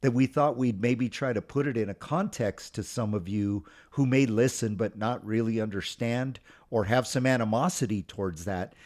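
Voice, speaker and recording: A man with a mid-range voice hosts a podcast while he has a cold, so his voice may crack. A pastor and author, he talks casually at a normal speed with few pauses, rambling a bit and saying "um" a lot.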